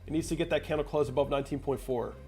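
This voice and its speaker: A man's voice: fairly high pitch, very fast, mellow. A young man from the United States hosting a casual livestream, talking through charts and answering viewers' chat messages. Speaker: crypto livestream host.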